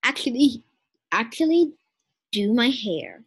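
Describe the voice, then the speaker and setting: A cruel, vain mother, acted by a woman in a homemade game role-play. She hands out curt, imperious orders in a lively, swinging voice with drawn-out, slow pacing. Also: on the high side, breathy edge, full character voice. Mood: bossy. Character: cruel, vain, bossy mother bullying her daughter.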